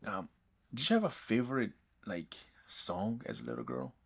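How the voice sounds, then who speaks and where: Deep-voiced host who restarts his words a lot. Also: very animated, a bit bright, slightly rough. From Mozambique. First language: not English. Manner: halting, many restarts and repeated words. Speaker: podcast host. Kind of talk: casual interview chat.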